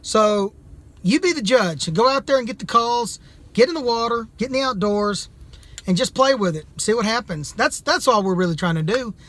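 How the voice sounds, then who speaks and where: Guy with a pretty high voice doing a casual product demo, folksy and plain spoken, bit hesitant. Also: animated, moderate pace, fairly bright tone. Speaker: amateur duck hunter reviewing calls.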